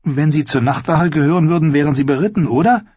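Guy putting on a level-headed young woman from a storybook, voice lifted high, calm and sensible, husky. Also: quick pace, no room sound, lo-fi sound. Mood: calm reassuring. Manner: higher lighter voice, steady and matter-of-fact. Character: young woman, practical and protective.

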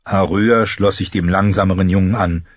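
Narrator with a low husky voice, measured scripted fantasy reading, dry dull sound. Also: male voice, no echo. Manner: measured, even storytelling. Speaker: audiobook narrator.

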